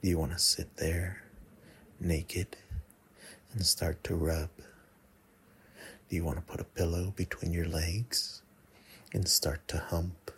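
A man in an intimate ASMR role-play, murmuring breathily right into the listener's ear, coaxing and teasing with many pauses. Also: low voice, little pitch movement, fairly bright tone, slight background noise. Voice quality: breathy, husky. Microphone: close mic.

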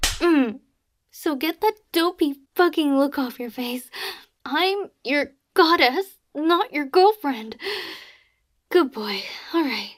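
A woman voicing a small, crude, domineering goblin maid in an adult audio role-play, taunting and giving orders between breathy gasps. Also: sits high, animated, takes it slowly. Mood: taunting, bossy.

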